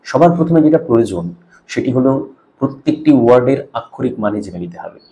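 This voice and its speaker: A man with a Bengali accent teaches a poem line by line in a patient lecture voice. He asks "okay?" again and again and stretches key English phrases slowly, as if dictating notes. His pitch sits in the ordinary middle range for a man. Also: expressive, mellow. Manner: explanatory, checks in often with "okay?" and "right?", mixes English terms into Bengali. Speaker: literature teacher. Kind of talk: exam-prep lecture explaining a poem.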